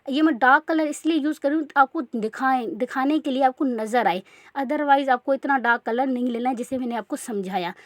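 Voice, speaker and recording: A woman's voice: high-pitched, a little fast, dry recording, clean studio sound. A woman teaching a makeup class in a chatty tutorial style, often checking in with her listeners. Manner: chatty, repeats "theek hai" often. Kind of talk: casual tutorial instruction.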